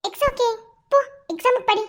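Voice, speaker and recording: A voice artist playing a sensible, caring teenage schoolgirl in a cartoon, calm and reasonable. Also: very high voice, a little slow. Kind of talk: cartoon voice acting.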